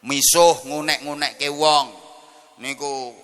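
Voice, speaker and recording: Javanese-accented male preacher, comic sermon, chatty and teasing, bright forceful voice, raised pitch. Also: level tone, slow, clean tone. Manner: joking, chatty, teasing the audience.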